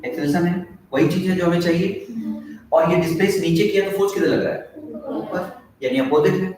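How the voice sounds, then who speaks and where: Male physics teacher, higher voice, recorded off-mic, dictates formulas step by step. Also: steady tone, a little mellow, a little hiss or hum. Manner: addresses students, asks questions, dictates formulas slowly. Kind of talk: classroom lecture. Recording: echoey room, heard from a distance.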